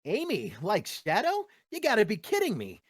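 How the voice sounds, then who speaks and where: Man voicing Sonic, a lively cocky hero hedgehog. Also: sits high, normal speed, slightly rough, no echo, clean studio sound, heavily acted. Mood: flustered. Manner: breezy, quippy. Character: cocky, upbeat male hero hedgehog, playful and wisecracking. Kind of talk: in-character fan Q&A.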